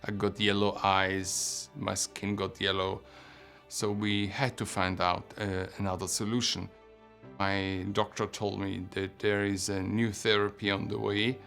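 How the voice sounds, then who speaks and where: A middle-aged man with a Swiss German accent giving a personal testimonial in deliberate, non-native English, phrase by phrase. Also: lowish voice, level tone, gravelly, fairly bright tone, soft background music. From Switzerland. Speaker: patient telling his story.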